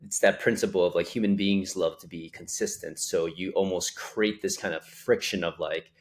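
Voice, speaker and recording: A man's voice: sits low, fairly even intonation, normal speed. A young man co-hosting a casual podcast about physical therapy business, rambling and acting out caller quotes.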